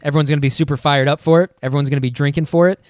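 A man co-hosting a casual sports podcast, halting with many restarts. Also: a little high, steady tone, a little mellow, no room sound, studio quality. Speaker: podcast co-host.

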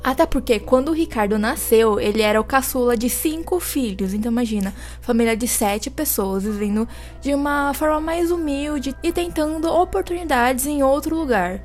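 A young woman co-hosts a true-crime podcast, her high-pitched voice moving at a moderate pace. She rambles with fillers and throws out dramatic questions while faint music plays behind her.

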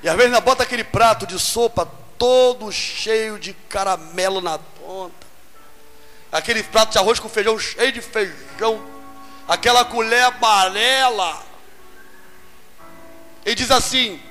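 A man with a Brazilian Portuguese accent preaching an animated sermon, calling out to the congregation for amens. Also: high-pitched, unhurried, big-room sound, faint music behind.

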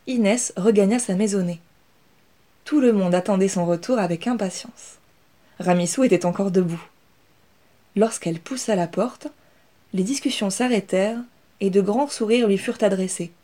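A woman, the author, reading her children's story aloud with expressive character voices. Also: mid-range voice, normal speed.

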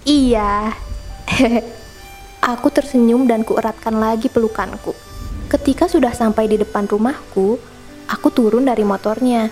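A young woman reading a novel aloud with lively, expressive storytelling. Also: fairly high pitch, moderate pace. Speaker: book reader. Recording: soft background music.

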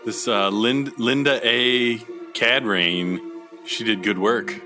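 A man's voice: medium pitch, fairly even intonation, takes it slowly, music in the background. A man chatting casually as co-host of a fan podcast.

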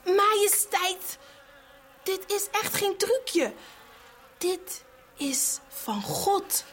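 A woman's voice: very high-pitched, expressive, drawn-out words, a bit bright, slight background noise, voice pushed up, heavily acted. A woman voicing a timid male royal servant in a children's storybook, whining and pleading.

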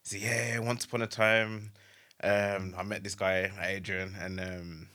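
A man's voice: low voice, little pitch movement, measured pace, bright, forceful tone. A man with an urban London accent in casual conversation, feeling his way through explanations in street slang. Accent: London, urban street English. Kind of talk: casual chat.

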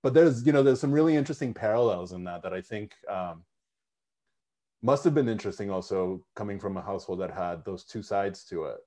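Candid male podcast host, low voice. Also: animated, a little fast, mellow. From Mexico. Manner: casual, candid, uses fillers and swears. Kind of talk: podcast interview.

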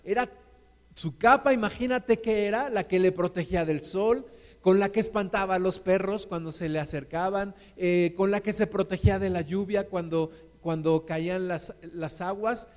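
A man's voice: high voice, moderate pace. A man preaching a sermon, earnest and encouraging, with dramatic retellings of a story. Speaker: pastor. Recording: echoey hall.

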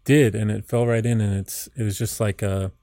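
A man's voice: fairly low pitch, fairly even intonation, moderate pace, mellow, dry recording, studio quality. A man chatting as a podcast guest in a rambling, easygoing way with many fillers. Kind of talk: casual chat.

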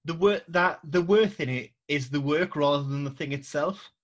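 A man's voice: a little high, normal speed. A man hosting a podcast over a video call, joking sarcastically and swearing freely. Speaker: podcast host. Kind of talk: casual chat.

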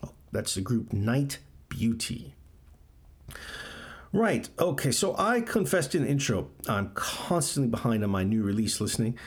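A man's voice: mid-range voice, expressive, unhurried, slightly rough. A man hosting a music podcast, chatting casually and enthusiastically about albums, with frequent ums. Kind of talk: casual music radio chat.

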